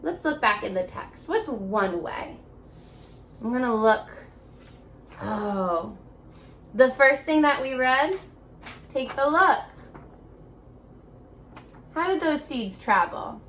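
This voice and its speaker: Reading slowly and pausing often, an elementary school teacher guides young children through a remote reading lesson in a high, very lively voice. She alternates unhurried read-aloud with chatty, encouraging questions, addressing each pupil as though they were right there, while a little background noise lingers behind her.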